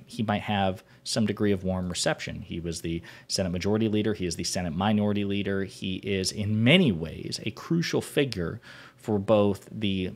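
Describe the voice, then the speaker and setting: A man with a fairly low voice hosts a political commentary show. He talks in a casual, unscripted way, yet picks his words deliberately. His phrasing is wordy and opinionated, with formal vocabulary. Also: gravelly.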